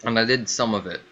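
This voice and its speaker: A gaming channel host talks through a let's play in a loose, rambling way, circling back on his own thoughts. His fairly low voice is bright and forceful, though the recording is muffled and carries faint background noise.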